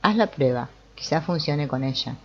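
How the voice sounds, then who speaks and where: A woman's voice: low-pitched, lively intonation, normal speed, muffled recording, slight background noise. A woman reading the part of a mocking, tempting devil who goads and taunts. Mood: taunting. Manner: taunting, goading.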